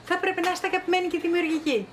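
A woman's voice: very high-pitched, fairly even intonation, slight background noise. A woman acting a mother in a TV drama, soothing and affectionate. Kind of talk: acted TV drama dialogue.

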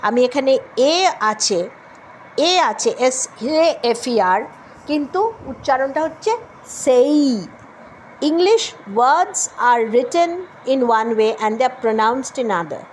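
Bengali lady teacher, high voice, says the words slow and drawn out, bit of hiss behind. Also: expressive. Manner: slow, drawn-out modeling of word pairs. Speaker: English teacher. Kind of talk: classroom lesson.

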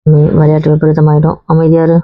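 A woman's voice: low voice, completely flat delivery, fairly quick, no room sound. Woman in a family drama, teasing and coaxing, dry muffled sound. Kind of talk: scripted family drama dialogue.

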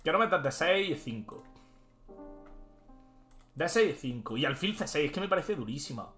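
A man with a high, very lively voice, commenting his own chess game aloud as he plays. His tone is extremely bright and sharp, and he swings from muttering over moves to excited shouting. Faint music plays behind him. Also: normal speed. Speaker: chess streamer. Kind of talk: live commentary while playing online chess.

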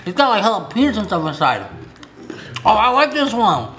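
A young man hosting a casual candy taste test, talking through a mouthful of candy in a blunt, excitable way. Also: high-pitched, normal speed. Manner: blunt, excitable, talks with the camera. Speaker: channel host.

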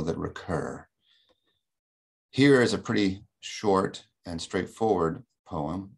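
Heard over a video call, a male webinar presenter with a low, gravelly voice delivers an academic lecture. He explains things in a measured, thoughtful manner, saying um frequently.

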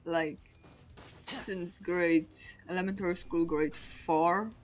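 With soft music in the background, a young woman with a Polish accent chats casually in her second language, English, while playing a game. She speaks slowly in a steady, lowish voice, drifting from thought to thought, mocking herself and laughing often in between.

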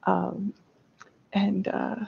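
A woman's voice: medium pitch, flat delivery, gravelly, breathy edge. A woman interviewing over a video-call headset, giggling and restarting often as her voice cuts in and out. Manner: giggly, halting, many restarts. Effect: breaking-up connection, voice cutting in and out. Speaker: interviewer at a book launch. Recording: dull lo-fi call audio with dropouts.

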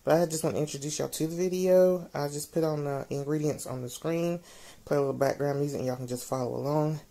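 A woman hosting her cooking channel, chatting casually in relaxed slang, a little stuffy from allergies. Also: sits low, quick pace, creaky. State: congested from allergies. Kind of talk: casual vlog intro.

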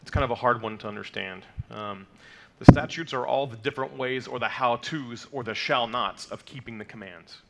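Against a noisy background, a creaky mid-range voice speaks at a moderate pace with few pauses. The speaker is a man in his thirties, not a native Hebrew speaker, teaching a congregation the weekly Torah portion from a lectern in a mid-size sanctuary, patiently explaining terms with frequent fillers and "okay?" check-ins.

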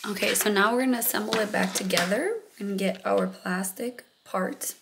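Gravelly-voiced woman narrating a craft tutorial. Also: medium pitch, moderate pace, noisy background. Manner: relaxed, step-by-step, thinking aloud. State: a bit out of breath. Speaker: crafting channel host. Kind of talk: casual how-to narration.

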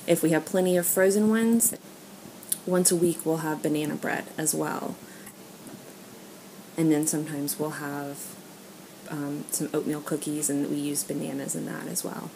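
This home vlogger is a low-pitched American woman with a gravelly, steady voice who talks at normal speed and pauses often. Her manner is informal and chatty as she narrates a haul while filming items on a handheld camera or phone. The handheld home recording is noisy and full of clicks.

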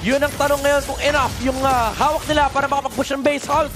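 A man with a Filipino accent giving live esports play-by-play as a booming, excitable announcer. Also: fast talker. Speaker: esports shoutcaster. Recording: loud music behind broadcast commentary.

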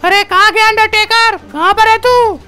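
A man voicing a servile gangster henchman with a squeaky, pinched voice after a punch to the throat. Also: steady tone, normal speed, sharp tone, soft background music. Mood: whiny. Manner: whiny, servile.

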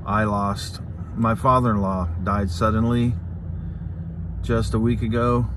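A middle-aged man talking casually and candidly to a phone in a parked car, confiding and halting, with pauses and repeats. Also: fairly low pitch, fairly even intonation. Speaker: vlogger, channel host. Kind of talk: casual, candid talk to the camera. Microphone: phone at arm's length. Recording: noisy in-car phone recording.

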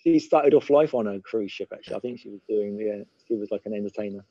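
A man's voice: lowish voice, quick pace, warm tone, dry recording, muffled recording. A man chatting casually as a guest, teasing and joking, often repeating words as he starts. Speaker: convention organiser guest. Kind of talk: casual chat on a call.

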